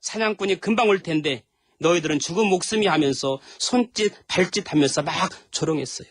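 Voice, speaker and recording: A man with a fairly high voice delivers a lively sermon. He leans into storytelling and acts out the lines of the characters in his stories. The sound is close and dry, with no room in it. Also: a little fast, no echo. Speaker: pastor.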